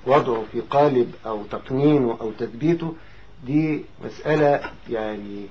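A man with an Egyptian accent hosting an interview, measured and formal in his statements. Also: mid-range voice, dull audio, slight background noise. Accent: Egyptian Arabic. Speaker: TV host.

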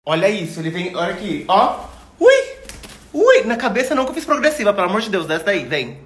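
A young Brazilian man, chatting on casual phone stories and coaxing a pet in a sweet, expressive voice, indoors at home. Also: high-pitched, quick pace. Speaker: influencer. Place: indoors at home, apartment rooms. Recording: echoey room.

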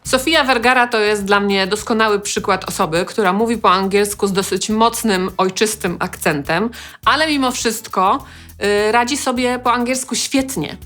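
A woman from Poland hosting a language lesson, explaining clearly with light humor. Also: medium pitch, normal speed, a bit bright, faint music behind. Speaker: language teacher host. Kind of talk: educational vlog.

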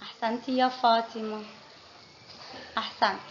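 High-voiced woman teaching kindergarten phonics. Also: level tone, moderate pace. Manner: patient, praising, quizzing pupils one by one. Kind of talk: classroom phonics lesson. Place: classroom. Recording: muffled lo-fi with faint noise.

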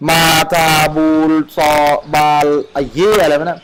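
A man's voice: a little high, a little slow, noisy background. A man hosting a gaming channel, talking casually over his gameplay, joking and swearing freely. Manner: chatty, swears freely, jokes to himself. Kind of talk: casual game commentary.

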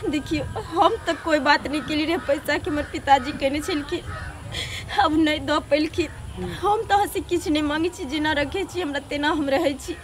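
A woman's voice: sits high, normal speed, background noise. A woman with a Maithili accent playing a pleading daughter-in-law in a comedy sketch. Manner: pleading and crying out. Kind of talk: scripted comedy sketch acting.

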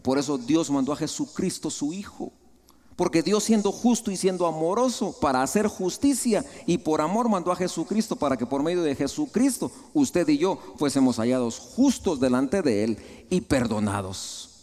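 A man with a Guatemalan Spanish accent preaching a sermon, rising high, then dropping to soft, low asides. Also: lively intonation, moderate pace. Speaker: pastor. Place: large church hall. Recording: long hall reverb.

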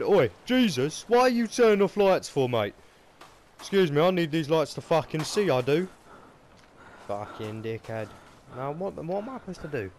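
A young man, chatting casually while playing a game, swearing a lot and breaking into excitable outbursts. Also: fairly high pitch, slight background noise. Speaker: gaming host. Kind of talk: casual gameplay chat.

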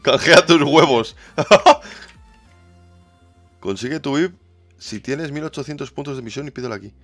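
A young man with a Spain Spanish accent, livestreaming a game in excitable, teasing casual chat. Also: mid-range voice, normal speed, faint music behind. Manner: excitable, laughs loudly, teasing. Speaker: streamer. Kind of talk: casual live gaming chat.

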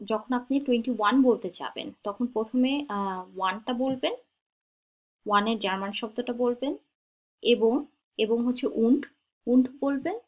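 Slow, deliberate woman teaching German. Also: fairly high pitch, muffled recording. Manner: repeats each word twice, slow and deliberate. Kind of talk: slow-paced language lesson.

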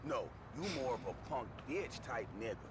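A man's voice: mid-range voice, expressive, normal speed, noisy background, lightly acted. An American man playing a tough, preachy, scornful gangster in a video game, slangy and combative. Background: game music and vehicle sounds.

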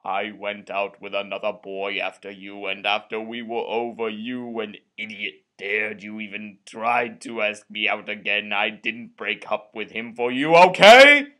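In a room with a drop-tile ceiling, a young man delivers a theatrical, over-the-top reading of a letter, stretching words out for emphasis. His voice is on the low side and sharp, and he goes unhurried with few pauses.

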